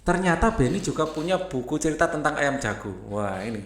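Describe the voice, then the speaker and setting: A man's voice: a little high, animated, a little fast. Give me a man casually explaining a school lesson in an echoey room. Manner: casual, chatty explaining, mixes in English words. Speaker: teacher.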